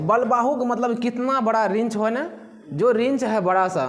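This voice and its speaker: A man's voice: extremely high pitch, moderate pace, a crowd in the background. A man teaching a physics class, who keeps asking the students questions and then answers them himself.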